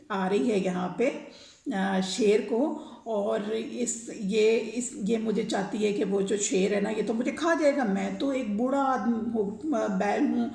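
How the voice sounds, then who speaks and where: An old, weary male bull from a children's storybook, fretting and slow, as a woman puts him on. The voice is gravelly and mellow. It echoes in a roomy space. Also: mid-range voice. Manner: slow, anxious musing. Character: old weak male bull, worried and wary. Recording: echoey room.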